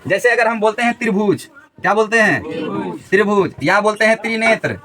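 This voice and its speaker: Man teaching a classroom lesson, high voice, repeats questions, call and response with students. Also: fairly quick, a crowd in the background.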